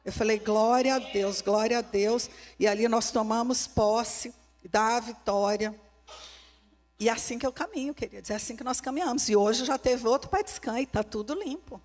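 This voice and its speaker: A woman's voice: a little high, moderate pace, a little mellow, soft background music. A Brazilian woman pastor preaching a sermon with a Brazilian Portuguese accent, fervent and emphatic, repeating her key phrases. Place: church hall. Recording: long church-hall reverb.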